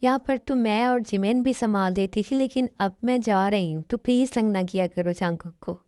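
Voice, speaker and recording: A woman voicing a middle-aged mother giving gentle, motherly advice, in an amateur fan-story dub. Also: mid-range voice, normal speed, no echo, studio quality, lightly acted. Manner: warmly scolding, motherly.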